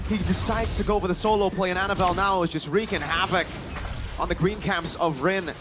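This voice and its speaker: Very high-voiced male play-by-play esports caster. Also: a little fast, background noise. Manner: excitable, dramatic calls. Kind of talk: live game commentary.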